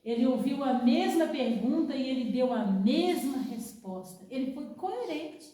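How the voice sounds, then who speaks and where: A fairly high, mellow-voiced woman tells a Bible story at a camp, acting it out and sinking to a hush for effect. Her voice comes from a distance in a very echoey hall, with faint noise behind it. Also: animated, unhurried. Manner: dramatic, drops to a hush for effect. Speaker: Bible teacher at a women's camp. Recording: echoey room, voice from far off.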